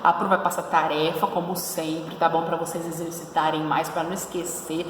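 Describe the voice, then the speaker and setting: A woman's voice: deep voice, little pitch movement, very echoey, big-room sound, far from the mic, a little hiss or hum. A Brazilian woman teaching a grammar lesson to pupils, patiently stretching out verb endings and checking in often to ask whether they follow. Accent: Brazilian Portuguese. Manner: patient, drawn-out stress on verb endings, frequent "tá bom?" check-ins. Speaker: Portuguese teacher.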